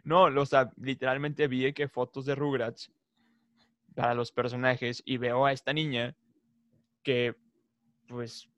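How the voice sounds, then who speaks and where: A man's voice: medium pitch, little pitch movement, takes it slowly, long pauses, a bit bright, no echo, lo-fi sound. A playful man chats casually as a podcast co-host. His voice sits in a middle register and is captured dry and close, with no room sound. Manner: playful, laughs often, imitates cartoon voices. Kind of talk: casual chat.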